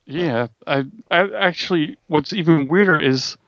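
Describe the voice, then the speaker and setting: A man's voice: a little high, a little slow, a bit bright, no room sound, highs cut off. A man co-hosting a podcast, casually chatting about music with dry, mock-serious teasing. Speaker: podcast co-host.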